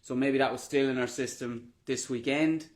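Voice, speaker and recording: Male podcast co-host, casual teasing chatter, everyday slang, mid-pitched. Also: steady tone, normal speed. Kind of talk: casual banter.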